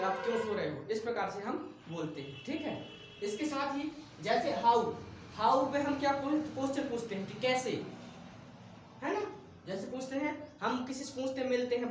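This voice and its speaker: A male English teacher giving a patient vocabulary lesson, explaining each word with simple examples and short check-ins after every point. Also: sits high. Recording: very echoey room, distant mic, faint noise.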